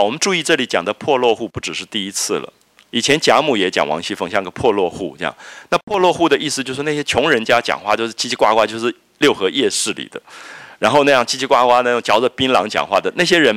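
A man's voice: medium pitch, big pitch swings, fast talker, a bit bright, dry recording. A middle-aged man, lecturing on a classic novel, reading passages aloud and then explaining them. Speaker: literature lecturer.

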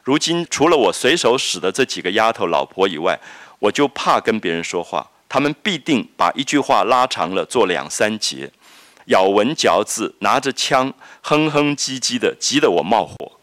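A man reading the lines of a quick-tempered young noblewoman who runs a household, brisk and scolding in manner. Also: on the low side, very animated, a bit bright, no room sound. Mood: impatient, scolding.

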